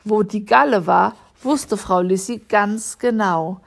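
Slow, calm woman reading a storybook. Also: mid-range voice, gravelly. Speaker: audiobook reader. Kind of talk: storybook narration.

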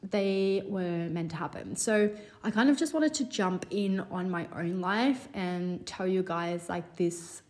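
A woman in her twenties hosting a solo podcast, talking in an earnest, rambling way with lots of fillers, a little stuffy from a cold. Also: lowish voice. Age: 20s. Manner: warm, earnest, rambling with many "you know" fillers. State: slightly congested, recovering from a cold. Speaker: podcast host. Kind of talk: casual solo podcast talk.

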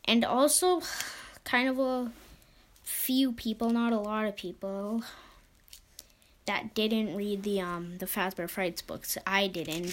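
A podcast host giving casual, unscripted fan commentary in a hesitant, halting way, often trailing off mid-thought. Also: medium pitch, fairly bright tone.

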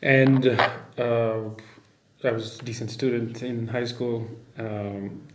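A man from Nepal, a startup founder, speaking as a podcast guest in a measured way with many fillers. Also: medium pitch, fairly even intonation. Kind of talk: casual interview. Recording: echoey room, faint background noise.

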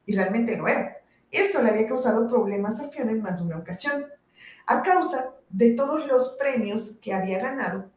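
Spanish woman narrating an audiobook. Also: on the high side. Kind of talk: scripted narration. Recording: roomy audio from a distant mic.

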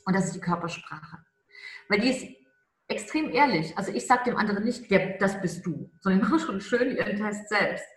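A woman coaching on charisma in a conversational interview, emphatic and stretching key words slowly. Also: mid-range voice, lively intonation, reverberant.

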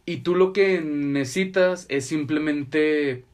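A man's voice: on the high side, takes it slowly. A young man with a Mexican accent chatting casually as a podcast co-host, explaining things in slangy, profane language. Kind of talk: casual chat.

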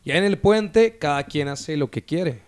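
Casting: male podcast co-host, northern Mexican accent, hoarse, pitched a bit high, slangy and informal. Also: lively intonation, measured pace. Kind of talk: casual chat with heavy slang.

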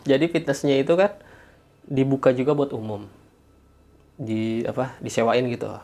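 A man tells office ghost stories in a relaxed, chatty way. He acts out sounds with little clicks and hums, and his voice sits at an ordinary pitch. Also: normal speed. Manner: animated, acts out sounds with small noises. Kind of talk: casual storytelling chat.

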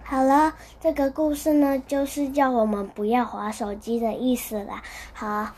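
A woman narrating a bedtime story for children, gentle and addressing the little listeners. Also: high voice, little pitch movement, normal speed, slight background noise.

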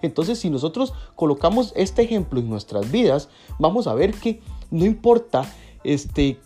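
Lively Costa Rican man musing aloud. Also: on the high side, moderate pace, soft background music. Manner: conversational, keeps asking "¿verdad?". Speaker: vlogger. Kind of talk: reflective motivational monologue.

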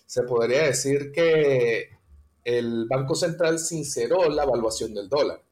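A man explains finance in an interview, walking through each idea step by step. His voice sits in an ordinary middle pitch, and he builds his points patiently with examples. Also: a little slow, darkish tone. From Venezuela. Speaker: guest economist.

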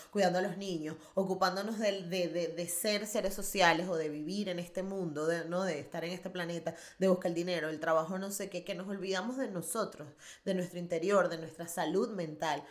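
A woman hosting a podcast, speaking earnestly and in a somewhat low voice. She repeats and restarts phrases as she reflects, then turns to interviewing her guest. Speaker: podcast host.

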